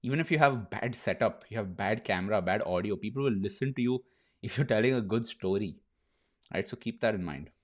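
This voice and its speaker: A man's voice: fairly low pitch, animated, brisk. Laid-back young man streaming, bro-heavy. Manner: laughs often, peppers speech with "bro" and "dude". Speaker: streamer host. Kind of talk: casual livestream chat.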